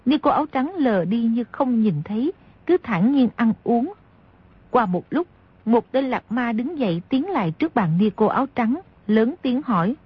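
A woman reading a martial-arts novel aloud as an audiobook narrator, in a steady, measured way. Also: on the high side, husky, dry recording. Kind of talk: scripted storybook narration. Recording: dry, dull lo-fi audio.

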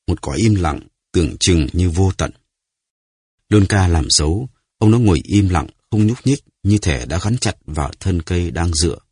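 Male audiobook narrator, very low voice, husky, dry close sound, measured dramatic reading. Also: expressive, darkish tone, no echo.

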